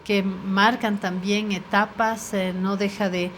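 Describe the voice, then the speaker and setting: A woman's voice: mid-range voice, little pitch movement, slow, slight background noise. Bolivian woman interviewer asking follow-ups. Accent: Bolivian Spanish. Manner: brief affirmations and follow-ups. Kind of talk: interview questions.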